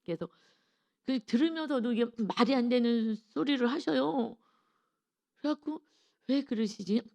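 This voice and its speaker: A woman's voice: a little high, moderate pace, vocal fry, warm tone, highs cut off. A middle-aged woman telling an earnest, rambling family story as a testimony in a church service. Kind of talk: testimony in an early-morning sermon. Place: church sanctuary.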